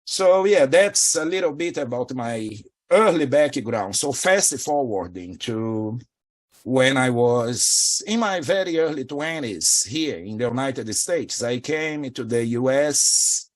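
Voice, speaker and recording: A middle-aged man whose Brazilian Portuguese accent colors his English. He talks as a spiritual teacher in an interview, wandering through his thoughts in a reflective, unhurried way and dropping in soft laughs and filler phrases. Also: mid-range voice, lively intonation.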